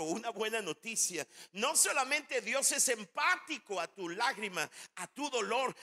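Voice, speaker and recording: High-voiced man preaching in an echoing hall. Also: sharp tone. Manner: emphatic preaching, addressing the congregation directly. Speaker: pastor. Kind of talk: sermon.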